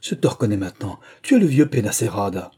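A man's voice: on the low side, sing-song, fast talker, warm tone, husky. A man reading aloud, voicing a dying old king who gasps and begs for air. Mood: horrified. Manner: gasping, desperate cries.

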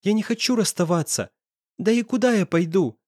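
A man's voice: high voice, lively intonation, moderate pace, a little mellow, no echo, studio quality, pitched above the performer's own voice. A man doing a tearful pleading young woman. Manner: sobbing, desperate pleading.

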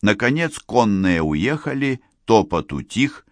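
A man reads an adventure novel aloud in a low, unhurried voice. His delivery is measured and steady. The recording is close and dry, with no room sound. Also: no echo. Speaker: audiobook narrator. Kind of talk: audiobook narration.

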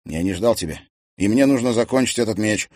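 A man's voice: fairly low pitch, fairly quick, a little mellow, no echo, studio quality, lightly acted. A man voicing a sullen young man who speaks gloomily and tiredly. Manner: gloomy, tired, bursts into anger.

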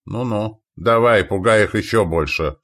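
A man voicing a smug, taunting male warrior commander, in a lowish voice. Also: a little slow, a bit bright.

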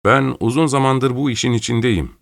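A man voicing a boastful, quick-tempered male boxer who talks in a pushy, blustering way. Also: mid-range voice, vocal fry, no echo, studio quality, pitched above the performer's own voice, lightly acted.

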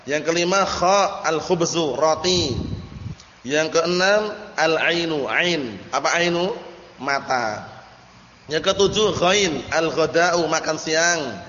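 A man's voice: fairly high pitch, takes it slowly, pushed and bright, slight background noise. A man teaching an Arabic lesson in a classroom style, often stopping to ask the students if they understand. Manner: drills students with repeated checks for understanding. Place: large hall, study gathering. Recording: echoey hall, dull lo-fi audio.

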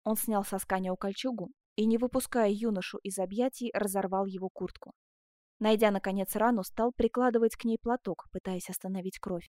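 A woman narrating an audiobook in a measured storytelling manner. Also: mid-range voice, steady tone, dark tone, dry recording, studio quality. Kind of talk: scripted narration.

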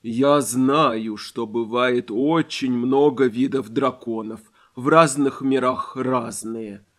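A man voicing a huge, lonely cat-dragon in an audiobook, speaking slowly and deeply, with a hollow boom as if from inside a barrel. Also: fairly even intonation, a bit bright. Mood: solemn. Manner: slow, deep, drawn-out speech. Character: huge lone cat-dragon, slow, calm, solemn. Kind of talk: audiobook character voice.

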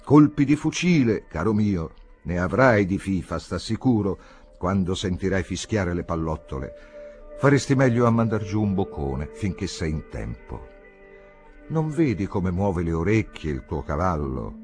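A man doing a bossy, street-wise army canteen woman, scolding and ordering a young recruit around, his low voice swinging up and down with lively inflection, all from a storybook reading. Her tone is commanding and motherly at once. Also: moderate pace, faint music behind. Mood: chiding.

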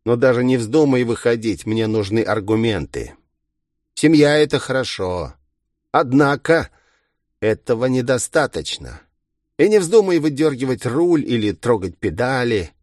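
A man's voice: medium pitch, lively intonation, unhurried, darkish tone, dry recording, clean studio sound, pitched above the performer's own voice, lightly acted. A man putting on a gleeful taunting villain. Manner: taunting, singsong, cruelly playful. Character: gleeful mocking murderous male villain.

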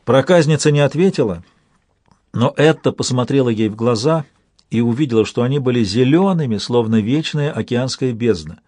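A man reading a fantasy audiobook in steady scripted narration. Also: medium pitch, moderate pace, dry recording.

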